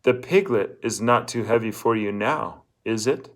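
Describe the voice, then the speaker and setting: A man with a fairly low voice and a measured pace plays a blunt old fortune-teller woman in a storybook. She is bossy and emphatic, dishing out scorn and instructions and firing off rhetorical questions.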